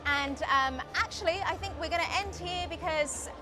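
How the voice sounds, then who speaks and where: A woman's voice: very high-pitched, normal speed, over music. A woman from Zambia hosting a live stream, chatting and asking her co-host questions in an upbeat way. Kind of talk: casual live stream chat.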